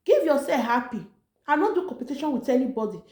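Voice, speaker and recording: A very animated woman talks fast, her voice sitting high with a darkish tone. An online motivational vlogger with a Nigerian accent, she speaks Nigerian Pidgin in an informal talk, exhorting emphatically and repeating herself. The room she's in is echoey.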